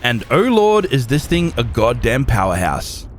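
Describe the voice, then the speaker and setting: Excitable young man narrating gameplay. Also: mid-range voice, unhurried, slight background noise. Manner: lively and excitable, with sudden exclamations. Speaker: gaming YouTuber. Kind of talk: narrated gameplay recap with live reactions.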